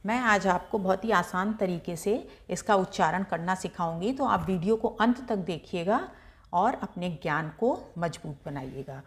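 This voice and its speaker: A woman teaching children, speaking each syllable slowly and clearly for them to repeat. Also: lowish voice. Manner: slow, carefully drawn-out syllables for pupils to repeat. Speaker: Hindi teacher. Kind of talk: slow, clear lesson for children.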